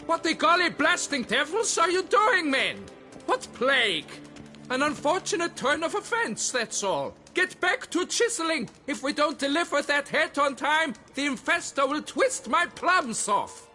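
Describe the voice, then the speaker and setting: Brief: a man playing a shrill, fussy game foreman, voice swooping all over, always haggling. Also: very animated, measured pace, pushed and bright, soft background music, exaggerated voice. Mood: irritated. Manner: flustered, pleading and haggling, old-fashioned oaths. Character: fussy, blustering male quarry foreman, middle-aged. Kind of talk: fan dub of a video game.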